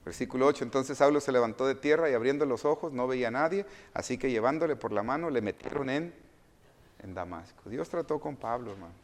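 Preaching man, questions and quiet asides. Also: medium pitch, fast talker. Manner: asks the congregation questions and answers them himself; sudden swings between loud emphatic phrases and quiet asides. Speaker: pastor. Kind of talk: sermon.

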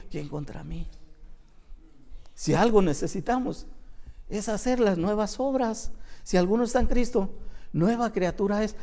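A man preaching an evangelical sermon, swinging between loud cries and hushed asides. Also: fairly high pitch, gravelly. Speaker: pastor.

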